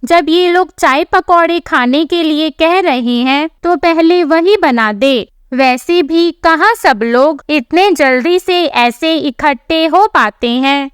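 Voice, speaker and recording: A woman's voice: high-pitched, slow, hardly any pauses, no echo, studio quality. A woman doing an easygoing mother-in-law. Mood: indulgent.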